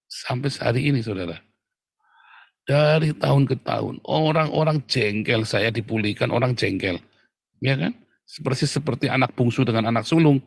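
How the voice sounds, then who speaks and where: A man preaching a sermon in a lively way, often turning to address the congregation directly. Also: medium pitch, normal speed, gravelly, no room sound, clean studio sound. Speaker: pastor.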